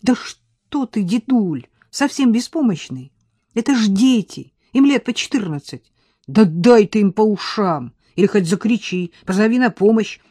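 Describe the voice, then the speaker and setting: A fiery, flustered young woman, as the reader plays her, heated and emphatic. Her pitch swings widely, and the sound is dry and close. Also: very animated, normal speed, warm tone, breathy edge, no echo. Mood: agitated.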